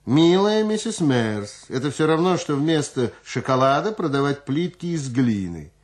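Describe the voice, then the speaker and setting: Brief: male reader as a pedantic older judge, loud and lecturing, animated delivery. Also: fairly high pitch, a little slow, voice pushed up. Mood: stern.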